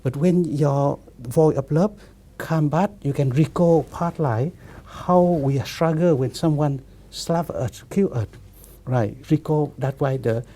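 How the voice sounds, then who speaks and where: A monk in his fifties with a somewhat high voice keeps restarting and repeating himself as he speaks hesitant non-native English in an easygoing discussion.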